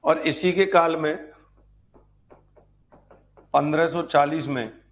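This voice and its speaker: A man with a slightly high voice talks slowly while giving an informal online history lecture. He is a history teacher preparing students for exams, and he repeats key points and asks questions to check understanding.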